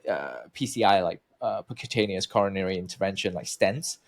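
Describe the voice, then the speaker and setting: A man from Malaysia with a lowish voice talks through his career as an interview guest. He is chatty and loose, full of fillers and restarts. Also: expressive, fairly quick. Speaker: guest researcher. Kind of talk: interview storytelling.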